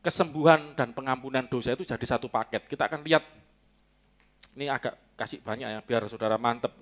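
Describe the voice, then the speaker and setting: A man preaching a sermon in a casual, joking way, breaking now and then into loud, playful mock prayers. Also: medium pitch, quick pace. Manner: relaxed, joking, mixes in Javanese words and bursts into loud mock prayers. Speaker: pastor. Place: church hall.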